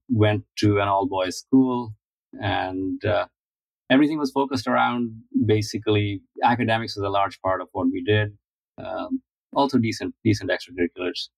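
Low-voiced man from India, measured. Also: steady tone, creaky, no room sound, poor audio. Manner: measured, thoughtful, many uh fillers. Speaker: guest, finance founder. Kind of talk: interview answers.

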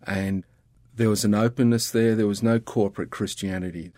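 Middle-aged Australian man, guest, earnest and reflective, low-pitched, dry close sound. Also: steady tone, normal speed, warm tone, no echo. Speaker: guest, ministry worker. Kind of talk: casual conversation.

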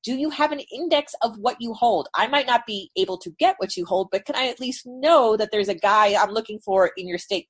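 A woman from New York telling her story conversationally, in an animated, emphatic and wry way. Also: fairly high pitch, fairly quick, hardly any pauses, slightly rough. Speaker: interview guest, nonprofit founder.

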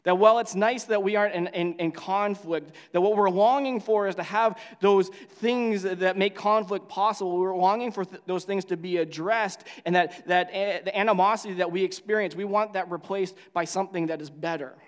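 A man's voice: sits high, steady tone, normal speed, hardly any pauses, big-room sound. A male pastor praying and then preaching in a conversational, storytelling way with frequent restarts. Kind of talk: sermon with prayer.

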